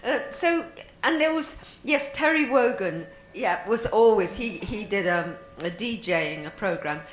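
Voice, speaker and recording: A woman's voice: medium pitch, lively intonation, a little slow. A woman recalling memories hesitantly as a panelist at a fan convention. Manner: hesitant, rambling recollection. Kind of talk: casual anecdotes on stage. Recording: echoey hall.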